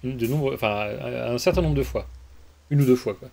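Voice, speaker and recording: A man's voice: mid-range voice, brisk, gravelly, a little mellow, slight background noise. A man streaming a game, casually reading the dialogue aloud and reacting with amused asides on a basic microphone. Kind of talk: casual let's-play commentary. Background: faint background music.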